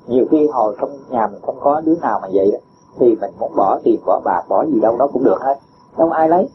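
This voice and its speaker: This Buddhist teacher answers a disciple in a patient dharma talk, using everyday examples and frequently chuckling. He speaks at a medium pitch, animated and quick. The recording is dull and lo-fi, with a faint hiss.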